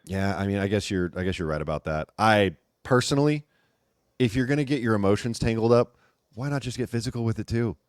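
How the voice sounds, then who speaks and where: A man with a fairly low voice hosts a casual gossip show. He talks in an animated, teasing style and repeats phrases for emphasis. The sound is dry, with very little room in it. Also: a little fast, clean tone, dry recording. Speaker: host. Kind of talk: casual gossip commentary chat.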